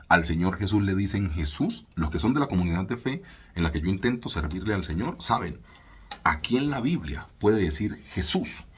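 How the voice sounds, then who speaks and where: A Colombian man preaching a relaxed, conversational sermon to his congregation. His voice sits low and slightly husky, and he talks in everyday slang, now and then slowing right down to stress a point. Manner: laid-back, colloquial, mimics voices, slows for emphasis. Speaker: church leader. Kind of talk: casual sermon teaching.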